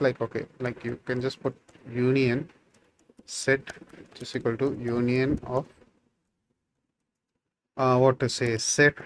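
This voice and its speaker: In a small room, a Tamil-speaking man in his thirties runs a casual screen-share coding tutorial, thinking aloud and leaning on lots of fillers. His voice sits at medium pitch, with a slight hiss or hum in the audio.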